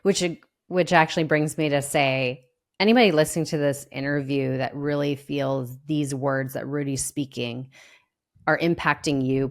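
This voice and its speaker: A woman hosting her podcast, chatting in an upbeat, enthusiastic way. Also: rumbling low. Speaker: podcast host. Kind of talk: casual interview chat.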